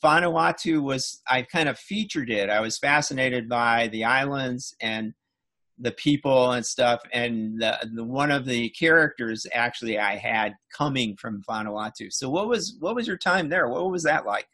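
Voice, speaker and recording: A man's voice: mid-range voice, moderate pace, sharp tone. A middle-aged man hosting an interview, friendly and chatty, full of agreeing "yeah"s. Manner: affable, lots of agreeing fillers. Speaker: podcast host. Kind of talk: casual interview chat.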